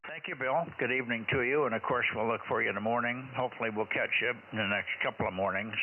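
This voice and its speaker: A man's voice: medium pitch, fast talker. A man running an amateur radio net, chatting in a casual, folksy way between callsigns over a radio transmission. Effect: ham radio transmission. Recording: narrow radio band with faint noise.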